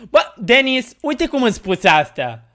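A loud, excitable woman chats through a live game stream, teasing her partner. Her voice swings widely up and down as she talks. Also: on the high side. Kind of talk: casual live gameplay chat.

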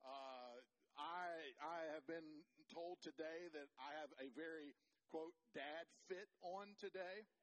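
Middle-aged guy pastor doing a sermon at church, keeps tripping over his words, emotional and jokey. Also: on the high side. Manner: halting, self-interrupting, emotional and playful. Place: church sanctuary.

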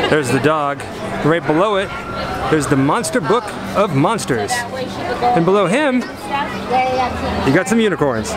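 A woman hosting a vlog, narrating her visit to a theme park. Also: fairly low pitch. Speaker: vlog host. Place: busy outdoor theme park. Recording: loud crowd and park noise behind.

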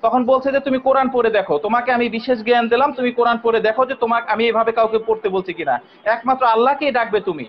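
A man's voice: very high voice, quick pace. A man in a heated online debate, recounting his past and insisting on being heard. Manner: insistent, keeps interrupting to hold the floor. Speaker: former believer debating online. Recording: muffled lo-fi call audio.

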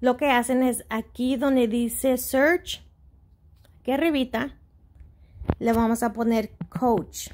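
Lady w spanish doing a casual how-to, kinda high voice, slips english words in. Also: steady tone, takes it slowly, long pauses, darkish tone. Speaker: host of a shopping tutorial channel. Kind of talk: casual step-by-step tutorial narration.

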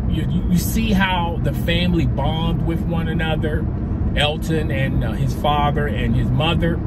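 A man in his forties talks slowly through a TV episode recap while sitting in a parked car, recorded on a dashboard phone. His voice sits a little high for a man, and he rambles, restarting phrases and checking in with "all right?" Loud car and street noise runs under everything. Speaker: TV recap vlogger. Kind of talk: casual spoken TV recap. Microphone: phone camera on the dashboard.

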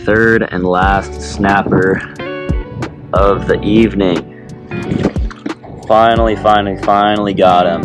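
A young man filming a casual fishing vlog from a kayak at sea on an action camera, upbeat and chatty, letting out excited whoops when a fish bites. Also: low-pitched. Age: young adult. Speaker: fishing vlogger. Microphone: action camera on the boat. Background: loud music bed.

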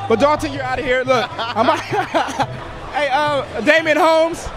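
A man's voice: very high voice, slow pace. A young man, a college football player, goofing around as he interviews teammates with a handheld mic in a busy bowling alley. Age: young adult. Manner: playful, joking, slangy. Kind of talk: casual chat with teammates. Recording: loud music and chatter behind.

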